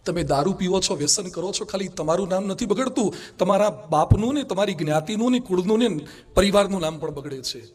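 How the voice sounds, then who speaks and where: Man, Gujarati accent, high-pitched, monk's sermon, anecdotal storytelling. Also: fairly quick. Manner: storytelling, acting out voices of people in anecdotes. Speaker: Swaminarayan monk preacher.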